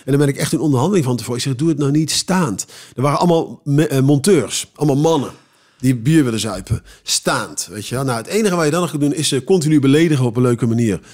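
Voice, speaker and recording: A man who performs cabaret, telling rambling, animated anecdotes with many restarts in a casual podcast interview. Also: medium pitch, fast talker.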